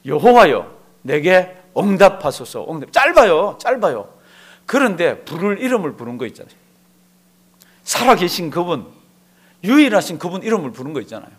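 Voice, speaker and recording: A male pastor preaching a sermon to a congregation in a church, animated and full of rhetorical questions. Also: sits high, a little fast, long pauses, husky. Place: church before a live congregation.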